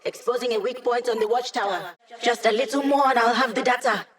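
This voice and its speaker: An actress playing a brisk, confident young female hacker, giving casual, wry, technical mission support in a video game. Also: on the high side, close to an everyday voice. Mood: focused. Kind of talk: scripted video game voice acting.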